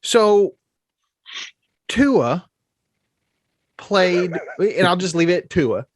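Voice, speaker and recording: Casting: male podcast co-host, slightly high voice, dry close mic, chatty. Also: sing-song, very slow, no room sound. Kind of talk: casual sports podcast chat.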